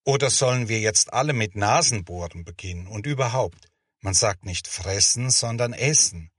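A man narrating a children's story as scripted narration, with measured storytelling. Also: lowish voice, a bit bright, slightly rough, no room sound, studio quality, far from the mic.

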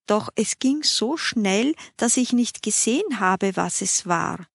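A woman's voice: mid-range voice, lively intonation, takes it slowly, vocal fry, no room sound, studio quality, full character voice. A woman voicing a young girl who was stung by an insect, speaking plaintively.

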